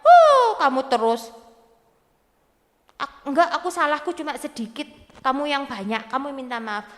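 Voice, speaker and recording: A woman's voice: high voice, sing-song, moderate pace, long reverb tail. A woman voicing a huffy, self-righteous child who blames someone else. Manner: sulky, blaming.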